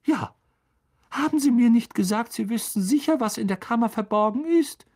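A reader voicing a small male teacher with a high, piping voice. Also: expressive, normal speed, darkish tone.

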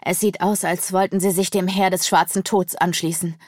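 A woman voicing a servile male vampire bat with a croaking voice in an audiobook. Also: fairly low pitch, little pitch movement, normal speed, darkish tone, dry recording, clean studio sound, close to an everyday voice. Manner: servile, eager to please.

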